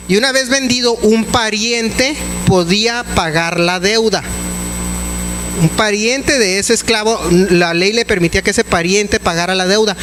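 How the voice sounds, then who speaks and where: A man's voice: high-pitched, fairly bright tone, poor audio. A man preaching a sermon as pastor, in a conversational way with many restarts and fillers.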